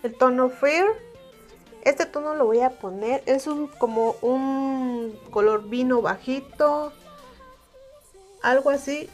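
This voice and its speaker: A woman with a Mexican Spanish accent giving a calm, step-by-step makeup tutorial as she reviews an eyeshadow palette. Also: high-pitched, slow pace, pauses often, soft background music.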